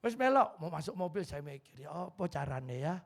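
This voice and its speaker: A middle-aged pastor with an East Javanese accent delivers a lively, joking sermon in a church hall. His voice sits high and has a gravelly edge, and he jumps into animated voices for the people in his stories. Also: normal speed. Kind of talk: humorous sermon with acted dialogue.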